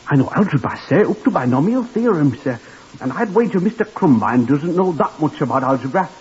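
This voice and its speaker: Playing a young hotel lift boy from Blackpool, Lancashire, a man uses a slightly high, animated voice that's brisk, a little mellow and breathy at the edges. The simple, eager character rambles with deference, calling everyone sir, in old-time radio acting. Hiss and muffling mark the old recording.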